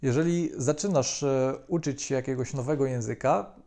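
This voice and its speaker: A man delivers a methodical video lesson in a calm, explanatory tone. His voice is dark and gravelly with a mellow edge. He often pauses on hesitation fillers between phrases. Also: medium pitch. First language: Polish. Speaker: language teacher.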